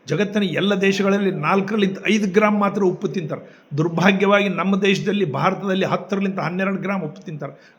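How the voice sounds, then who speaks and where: An older man, a kidney patient giving an earnest, pleading health appeal. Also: high voice. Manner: pleading, repeats requests politely.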